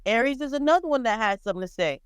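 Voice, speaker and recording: A woman co-hosting a podcast, chatting bluntly and profanely about celebrity gossip with lively storytelling. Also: on the high side, racing, smooth, dry recording. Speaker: podcast co-host. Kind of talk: casual pop-culture chat.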